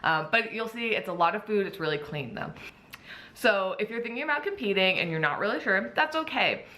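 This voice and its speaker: A woman's voice: medium pitch, lively intonation, a little fast, pushed and bright. A woman talking casually to her vlog audience in an upbeat, chatty way, with a slight lisp from wearing dental aligners. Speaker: vlogger, bikini competitor.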